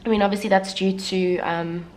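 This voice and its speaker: Getting over the flu and a bit congested, a young woman talks through a makeup tutorial for her beauty vlog, chatty and candid, with self-deprecating remarks. She speaks at a normal speed in a medium-pitched, slightly mellow voice with fairly even intonation, over slight background noise.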